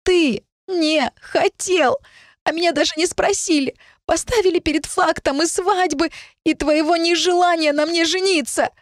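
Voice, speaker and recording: A woman voicing a young heroine who is upset and tearful, pleading and shouting through tears. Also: high voice, moderate pace, few pauses, dry recording, clean studio sound, pitched above the performer's own voice, close to an everyday voice. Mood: tearful outburst.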